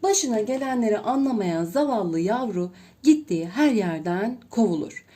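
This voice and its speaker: A woman's voice: medium pitch, lively intonation, moderate pace, dark tone, far from the mic. A woman preschool teacher telling a story and leading a finger game for small children, in a sing-song manner. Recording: roomy echo.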